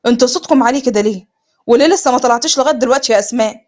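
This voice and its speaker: امرأة تؤدي دور أخ كبير صارم وغاضب، بلهجة مصرية ونبرة قاسية. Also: female voice, a little high, very fast, darkish tone, close to an everyday voice. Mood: impatient. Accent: Egyptian. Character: angry strict older brother.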